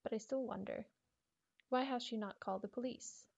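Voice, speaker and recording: A woman's voice: on the high side, normal speed, vocal fry, no room sound. A woman telling a spooky horror story as a scripted first-person narration.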